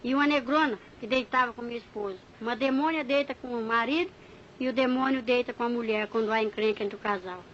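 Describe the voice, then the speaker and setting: A woman's voice: on the high side, fast, fairly bright tone, lo-fi sound, slight background noise. A woman telling her church testimony as a story, acting out the dialogue as she goes. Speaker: church member giving a testimony. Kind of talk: spoken religious testimony.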